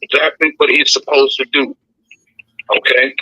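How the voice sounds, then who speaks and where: A man's voice: medium pitch, level tone, moderate pace, bright, forceful tone, husky. A man calling in over a crackly phone line on speaker that fades in and out, earnestly lecturing and repeating himself for emphasis. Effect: crackly phone line on speaker, fading in and out. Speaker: caller.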